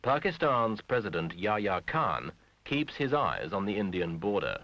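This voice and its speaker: A man giving grave, measured scripted narration in short phrases for an old newsreel soundtrack. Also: on the low side, very animated, bright, forceful tone, no room sound. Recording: dull lo-fi 1970s film sound with music.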